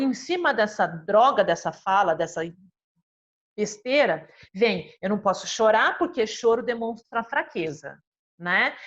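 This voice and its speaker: A woman's voice: a little high, lo-fi sound. A Brazilian woman psychologist explaining earnestly in a conversational talk, often ending her phrases with tag questions. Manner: constantly adds tag questions, expressive and earnest.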